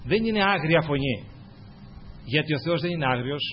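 A man preaching a sermon to his congregation, climbing to loud, fervent peaks and then dropping low and quiet. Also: animated. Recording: dull lo-fi recording with faint hiss.

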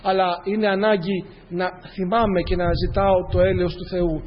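A man's voice: high-pitched, flat delivery, slight background noise. A man preaching a sermon earnestly, addressing the congregation as brothers in a church hall. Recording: dull, with long hall reverb.

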